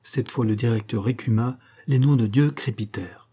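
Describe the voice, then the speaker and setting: A man reading a classic novel aloud in steady, deliberate narration. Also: mid-range voice, husky. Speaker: audiobook narrator. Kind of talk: scripted literary narration.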